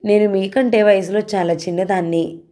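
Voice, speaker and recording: A woman's voice: medium pitch, steady tone, normal speed, dark tone, lightly acted. A woman voicing a blunt young female office worker who asks teasing, probing questions.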